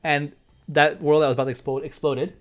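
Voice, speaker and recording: A man's voice: on the high side, level tone, a little fast. A man streaming a strategy game, chatting casually and rambling with lots of fillers. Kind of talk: casual live-stream chat.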